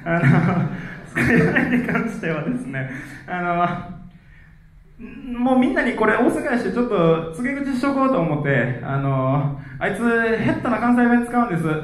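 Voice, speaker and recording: A man's voice: high-pitched, sing-song, moderate pace, slight background noise. A young man with a Kansai accent, a band frontman talking loosely and earnestly to a concert crowd between songs. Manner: loose, earnest, chuckling asides. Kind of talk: onstage concert talk. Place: large live music hall. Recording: echoey live hall.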